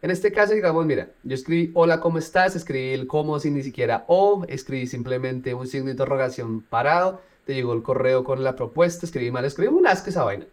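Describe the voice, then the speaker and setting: A man who runs a business, talking straight to viewers in a casual tutorial vlog. He speaks with energy and drops punchy sound words like "boom" as he goes. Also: lively intonation, quick pace, hardly any pauses, darkish tone. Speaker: business owner.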